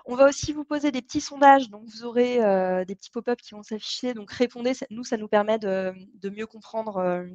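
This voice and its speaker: A woman's voice: a little high, brisk, hardly any pauses, a little mellow, dull audio. A woman, co-founder of a company, leading an online training session in a chatty, explanatory way with frequent hesitations.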